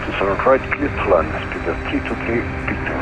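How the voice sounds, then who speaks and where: A man's voice: fairly low pitch, animated, a little fast, creaky, over music. A man, an airline pilot, making procedural calls over aircraft radio. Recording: noisy aircraft radio transmission.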